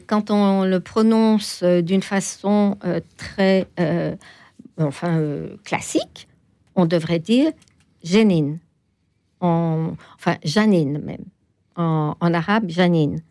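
A woman guest explaining things in an interview, hesitant, with many pauses and fillers. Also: fairly low pitch, dark tone, no echo, clean studio sound. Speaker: toponymy expert guest. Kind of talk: interview answers.

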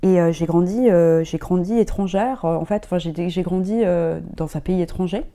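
Her voice sits on the low side and has a warm tone, at an ordinary pace. She's a middle-aged woman who grew up in Germany, chatting as an interview guest while frequently restarting and leaning on fillers.

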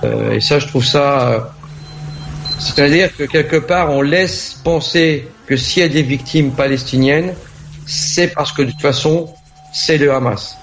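A man with a slightly high, somewhat bright voice hosts a live talk show at an unhurried pace. He speaks earnestly and hesitantly, thinking aloud in a casual discussion while faint music plays behind him.

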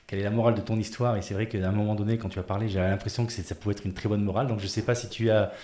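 A man's voice: lowish voice, level tone, rapid-fire, mellow. A man hosting a podcast interview, asking friendly, rambling questions with fillers. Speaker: podcast host. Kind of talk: casual interview talk. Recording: roomy echo.

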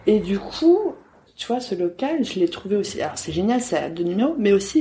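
A woman chatting casually as a podcast guest about the bookshop she runs. She talks in a lively, joking way, full of fillers, restarts and asides, at a middling pitch. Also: a little hiss or hum. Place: her neighbourhood bookshop in Paris.

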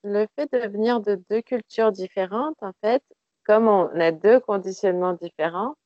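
A woman speaking in a measured, thoughtful way. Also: medium pitch, a little mellow, dry recording. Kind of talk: personal testimony. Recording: dry, dull lo-fi sound.

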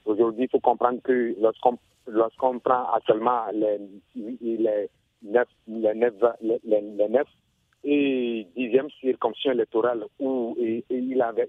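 A man from Benin, calling in to a radio show over the phone and speaking in halting bursts with many restarts. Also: medium pitch, vocal fry, no room sound. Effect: phone call into a radio show. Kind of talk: listener calling in to give his opinion. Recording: tinny dry phone line.

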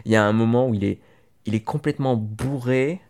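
Halting, rambling French-speaking man. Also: mid-range voice, a little mellow. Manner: rambling, halting storyteller with many restarts. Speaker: podcast co-host. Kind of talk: casual chat about a TV series.

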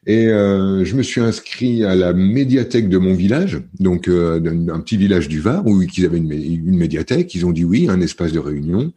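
A deep-voiced middle-aged man from France talks as a podcast guest, in a husky, mellow tone. He speaks in a casual, halting way, full of fillers and restarts as he tells his story. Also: animated. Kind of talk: casual interview chat.

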